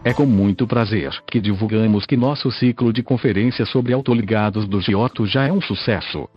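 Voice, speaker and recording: A man's voice: on the low side, normal speed. A synthesized male text-to-speech voice with a Brazilian accent, like an old speech synthesizer, reading a scripted article as a podcast narrator. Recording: dull lo-fi audio with faint music.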